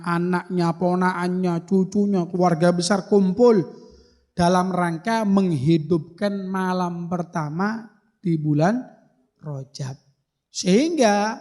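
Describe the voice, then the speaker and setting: A man's voice: high voice, darkish tone. A man giving a folksy mosque sermon, explaining Arabic terms and spelling them out. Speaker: preacher. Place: mosque hall. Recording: long hall reverb in a mosque.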